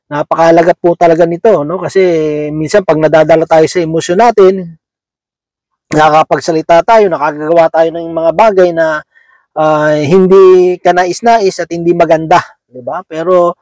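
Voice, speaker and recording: A man's voice: sits high, fairly even intonation, moderate pace, a little mellow, no room sound, rough recording. A man preaching a sermon in a conversational way, checking in with his listeners after nearly every phrase.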